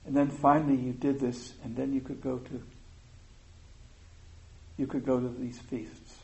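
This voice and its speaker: A man giving an informal meditation talk, speaking slowly and thoughtfully with many pauses and fillers. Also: mid-range voice, level tone, creaky, a little mellow, poor audio. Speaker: meditation teacher.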